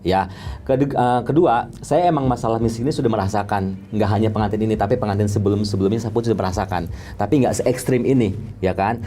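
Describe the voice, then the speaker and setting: A man's voice: on the low side, quick pace, dark tone, slight background noise. A man from Depok who does makeup, telling a story in an interview in casual slang and acting out sounds like tapping. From Depok, Indonesia. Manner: vivid, acts out sounds with "tek, tek" effects. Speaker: makeup artist guest.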